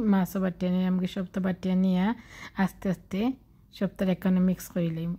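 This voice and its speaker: Mellow Sylheti-accented woman cooking vlogger. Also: mid-range voice. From Sylhet, Bangladesh. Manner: chatty, explains each step while grinding on a stone. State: feeling unwell. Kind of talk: casual cooking vlog narration.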